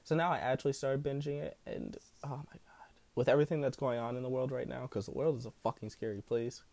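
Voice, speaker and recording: A man speaks casually into a solo podcast in a smooth, mid-pitched voice. His talk rambles along loosely, peppered with slang and profanity. The sound is dry, with no room echo. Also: fairly even intonation, fast talker, a little mellow. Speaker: podcast host.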